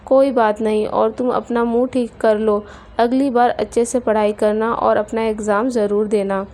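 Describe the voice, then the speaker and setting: A mild young husband from a storybook who keeps things calm, as a woman narrator puts him on. The voice stays fairly high and mellow, close to the narrator's own. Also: moderate pace, lightly acted. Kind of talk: storybook character voice.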